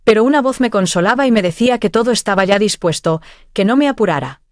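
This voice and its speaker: A woman's voice: mid-range voice, lively intonation, fast, darkish tone, no echo, studio quality. A woman telling of a dream vision at church, earnest and heartfelt. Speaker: church member giving testimony.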